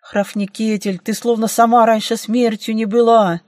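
A woman's voice: on the high side, big pitch swings, normal speed, darkish tone, no room sound, clean studio sound, pitched above the performer's own voice. A woman voicing a skeletal female Death with a scythe in an audiobook, pushy and familiar. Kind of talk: audiobook reading.

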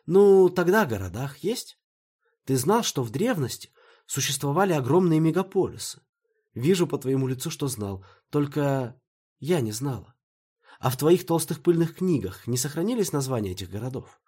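A man's voice: a little high, big pitch swings, moderate pace, dark tone, breathy edge, pitched above the performer's own voice. A man reading an audiobook, voicing an anxious, pleading young woman in a dream with urgent, emotional delivery. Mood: excited. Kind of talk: audiobook character voice.

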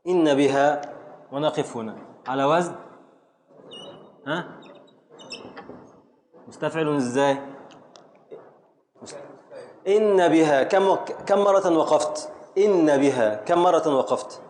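A middle-aged man with an Egyptian accent teaching a class, drawing out words slowly to scan the metre and quizzing his students. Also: a little high, a little mellow, slight background noise. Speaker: teacher of Arabic prosody. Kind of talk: classroom lesson.

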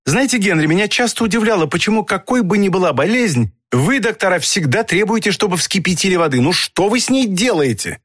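A man's voice: high-pitched, lively intonation, a little fast, hardly any pauses, a bit bright, slightly rough, dry recording, studio quality, pitched above the performer's own voice, full character voice. A man reading an audiobook, voicing a nosy, chatty woman with probing questions. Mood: quizzical. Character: curious chatty woman, a bit tactless.

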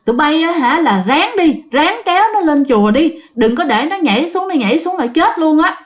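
A woman's voice: high voice, very animated, normal speed, voice pushed up. Woman voicing an urgent old village woman. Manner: urgent commands. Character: older village woman, alarmed and commanding.

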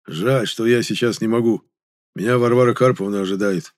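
A man voicing an evasive neighbour who speaks slowly with a sigh in an audiobook story. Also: lowish voice, fairly even intonation, close to an everyday voice. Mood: apologetic. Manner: slow, sighing. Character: evasive neighbour, unhurried middle-aged man.

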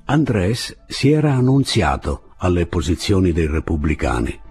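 A man narrating a novel as an audiobook reading, with expressive literary delivery. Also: deep voice, moderate pace, husky, faint music behind.

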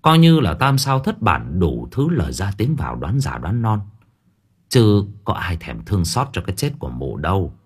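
A man's voice: low-pitched, huge pitch swings, moderate pace, slightly rough. A man narrating an audio novel in a colloquial, earthy, vivid way. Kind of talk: storytelling narration.

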